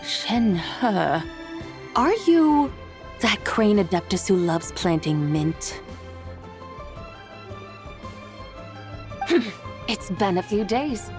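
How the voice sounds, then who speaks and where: A woman's voice: medium pitch, animated, slow pace, music in the background. An actress playing an imperious, theatrical female immortal in a video game, with grandiose, old-fashioned phrasing. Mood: curious, amused. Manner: commanding, grandiose. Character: imperious, theatrical, archaic-spoken female immortal spirit, haughty.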